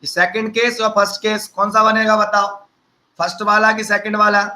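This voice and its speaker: A man with a high, bright voice leads a physics lecture, joking with his students and calling them son and brother. He talks casually, firing off questions and answering them himself. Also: little pitch movement, normal speed, low-quality recording. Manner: teasing, conversational, addresses students as beta and bhaiya. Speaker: teacher.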